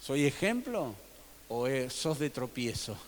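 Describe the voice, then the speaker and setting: Slow-preaching pastor in a reverberant church. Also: male voice, mid-range voice, very animated, a little hiss or hum. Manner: emphatic preaching with sudden loud peaks and soft drops. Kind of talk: sermon. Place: church sanctuary. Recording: long reverb of a church hall.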